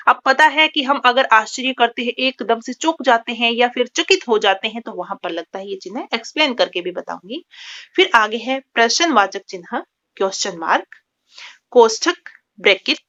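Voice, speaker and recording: Woman teacher going over grammar with kids, bright highish voice, keeps repeating things, muffled lo-fi sound. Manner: repeats key terms, checks in with "ठीक है". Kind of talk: explaining a lesson to students.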